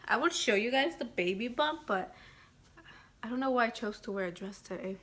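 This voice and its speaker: A woman's voice: a little high, animated, normal speed, a bit bright. A woman giving a casual vlog update, rambling and filling her talk with "like" constantly. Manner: rambling, fills speech with "like". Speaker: vlogger.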